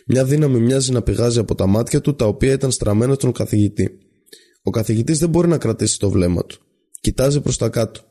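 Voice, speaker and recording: Gravelly, husky male story narrator. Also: medium pitch, dark tone. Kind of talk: read-aloud story narration.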